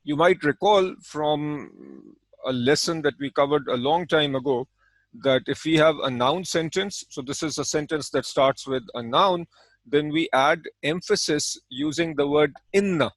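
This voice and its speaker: A man teaching an Arabic grammar lesson, explaining calmly and step by step, with Arabic terms spoken in between. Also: fairly high pitch, measured pace, dry recording, rough recording. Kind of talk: recorded language lesson.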